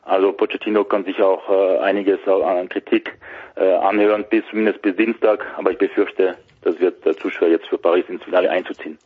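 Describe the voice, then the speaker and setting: Low husky man over a phone line. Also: steady tone, fairly quick. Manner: hesitant, many filler sounds. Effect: heard over a telephone line. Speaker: football expert guest. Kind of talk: match analysis on a sports radio show. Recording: narrow phone-line sound.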